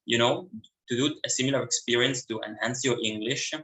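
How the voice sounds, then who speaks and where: A man's voice: medium pitch, fairly even intonation, fairly quick, bright, forceful tone, echoey room, rough recording. A young man in his twenties from Italy with an Italian accent, a university student talking casually as an interview guest, hesitant with many fillers and restarts.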